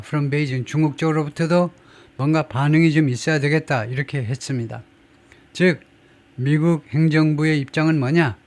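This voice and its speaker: A male English teacher giving a spoken lecture on grammar from a news article. He talks at a middle pitch, asks his listeners questions and then answers them himself, and repeats each point patiently.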